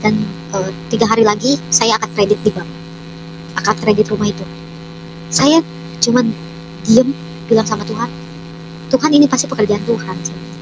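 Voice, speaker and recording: A woman telling her personal testimony as an interview guest, hesitant with many fillers, acting out her own prayers. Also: on the high side. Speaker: guest giving a conversion testimony. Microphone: microphone she can move away from. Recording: noisy line with mains hum.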